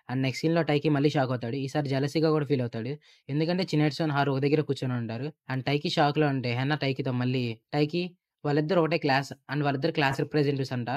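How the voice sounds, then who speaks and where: A young man narrating a casual anime episode recap, rapidly retelling the story and reading out every character's lines. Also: on the high side, a little mellow.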